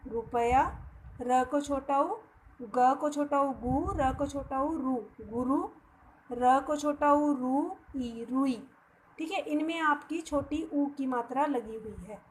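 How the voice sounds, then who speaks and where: A woman's voice: high-pitched, rough recording. A woman teacher giving a patient phonics lesson to young children, sounding words out syllable by syllable and mixing in English words. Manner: mixes English words into Hindi.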